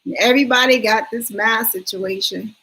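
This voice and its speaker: A woman's voice: fairly high pitch, fairly even intonation, moderate pace, bright, forceful tone, low-quality recording. Chatty woman rambling on a livestream. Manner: rambling, chatty, addresses viewers directly. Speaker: livestream host. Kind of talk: casual livestream chat.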